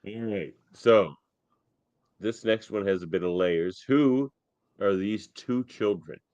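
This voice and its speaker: A man's voice: lowish voice, takes it slowly, no room sound, highs cut off. A man hosting a casual podcast, running a quiz and teasing his guests. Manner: lively, teasing quizmaster.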